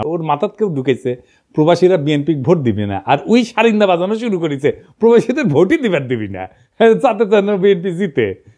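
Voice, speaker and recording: A middle-aged man with a northern Bangladeshi accent speaks in a fairly high, mellow voice. He's a political commentator and online host, delivering casual, mocking commentary packed with anecdotes and rhetorical questions.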